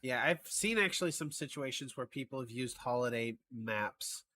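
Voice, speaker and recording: A man's voice: medium pitch, lively intonation, moderate pace, sharp tone. A man casting an esports match in a casual, chatty way, often thinking aloud and trailing off. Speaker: esports caster.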